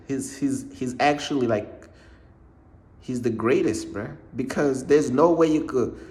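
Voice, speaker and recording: A young man from Uganda talks slowly and unhurriedly through a casual storytime vlog. His speech is loose and slangy, and he keeps tossing in "bruh" and "bro" as he rambles and circles back over his points. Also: mid-range voice, darkish tone. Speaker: faith vlogger.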